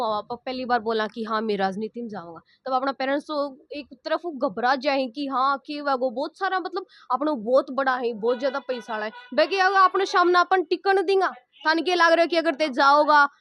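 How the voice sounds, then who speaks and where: A woman's voice: high-pitched, moderate pace, hardly any pauses, fairly bright tone, dry recording, clean studio sound. A woman with a Rajasthani accent interviewing a guest, asking long questions in local dialect. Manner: asks in local dialect, frequent hums of assent.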